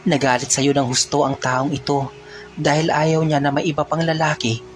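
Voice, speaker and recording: Male narrator putting on a steady young healer woman, high and breathy, over faint music. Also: moderate pace, close to an everyday voice. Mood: solemn.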